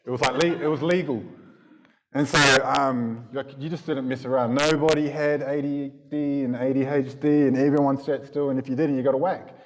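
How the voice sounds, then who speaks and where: A man's voice: medium pitch, fairly even intonation, normal speed. Chuckling New man telling his testimony. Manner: casual storytelling with frequent chuckles. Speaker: church speaker giving testimony. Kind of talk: personal testimony talk to a congregation. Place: church hall before an audience. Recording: long hall reverb in a church.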